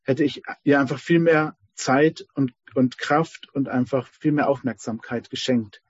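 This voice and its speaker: A dying rich old king pleads with a husky, slightly raised voice, as a man puts him on. He sounds lonely and regretful. The recording is dull, lo-fi and dry. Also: medium pitch, fairly even intonation, unhurried, no room sound.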